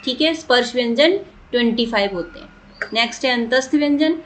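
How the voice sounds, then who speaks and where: A woman's voice: a little high, fairly quick, a little hiss or hum. Patient woman teaching grammar. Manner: patient, repeats points and asks the class questions. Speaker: Sanskrit teacher. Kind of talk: classroom lesson explanation.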